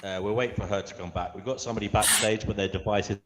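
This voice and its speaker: A man's voice: fairly low pitch, fairly even intonation, fast, very noisy. A man hosting a casual live stream as its presenter, recorded with muffled, reverberant sound. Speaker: show host.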